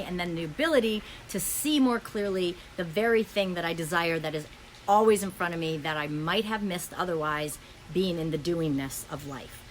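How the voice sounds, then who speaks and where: A woman hosting a podcast, speaking fast in a flowing spiritual monologue with many ums and restarts, recorded in a friend's home. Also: fairly low pitch, fairly bright tone, slight background noise, low-quality recording. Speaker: podcast host.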